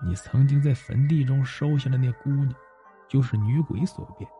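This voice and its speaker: A man voicing a stern, knowing old Taoist priest who gives grave warnings in a low voice. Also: big pitch swings, normal speed, dark tone, slightly rough, soft background music.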